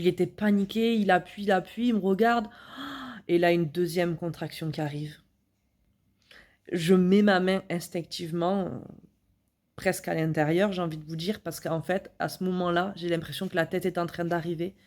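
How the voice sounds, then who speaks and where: A young woman recounts a story to her viewers in a casual, animated way, slipping into her own remembered thoughts with vivid emphasis. Her voice sits a little low for a woman. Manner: animated, dramatic retelling with quoted thoughts. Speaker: vlogger telling her birth story.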